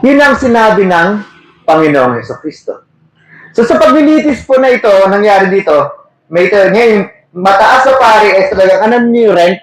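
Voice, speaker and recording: In an echoey room, a preacher with a high, expressive voice delivers a sermon at moderate speed. He reads verses, asks the audience questions, and mixes English terms into his Tagalog.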